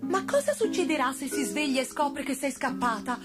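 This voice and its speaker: A woman voicing a gentle, timid young male cat in a storybook reading, with a pleading, earnest manner. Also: high-pitched, expressive, moderate pace, over loud music, voice pushed up. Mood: anxious.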